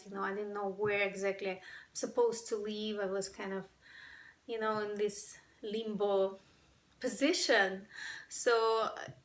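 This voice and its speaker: A woman with a Ukrainian accent talks straight to camera about her own journey. Her voice is bright and clear-edged at a middle pitch. She speaks earnestly and often pauses on "you know" while she finds her words. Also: rough recording. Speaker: breathwork facilitator. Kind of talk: personal story to camera.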